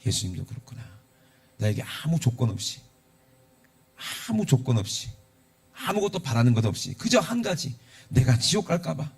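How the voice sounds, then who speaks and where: A man's voice: mid-range voice, very animated, normal speed, gravelly, pauses often. A middle-aged male pastor, preaching conversationally with rhetorical questions. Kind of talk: sermon.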